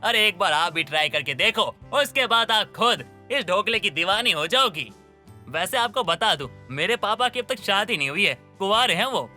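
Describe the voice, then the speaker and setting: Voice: mid-range voice, moderate pace, soft background music. A voice actor doing a giddy goofy young snack seller. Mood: cheeky. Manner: over-the-top excited, chatty, comic. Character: goofy young male dhokla seller, excitable.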